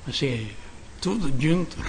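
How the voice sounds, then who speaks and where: A reverend giving an earnest sermon-style lecture, speaking in short broken phrases, repeating key words and tagging sentences with questions. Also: male voice, on the high side, a little mellow, a little hiss or hum.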